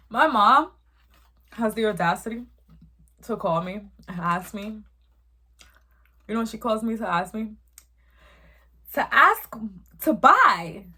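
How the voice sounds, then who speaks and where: A woman's voice: mid-range voice, pushed and bright. A young woman, telling a profane, emphatic story in casual chat as she eats. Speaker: vlogger. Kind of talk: casual storytime while eating.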